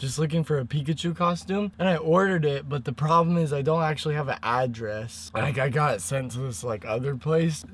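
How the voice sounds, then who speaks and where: Man, strained higher voice worn from screaming, slangy offhand monologue. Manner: slangy, swearing. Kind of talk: casual rambling monologue to viewers.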